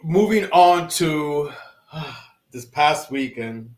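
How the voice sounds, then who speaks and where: A man co-hosts a casual podcast, his voice sitting a little high as he rambles with excitement through restarts and fillers. The room around him carries a noticeable echo. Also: drawn-out words. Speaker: podcast co-host. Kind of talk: casual chat.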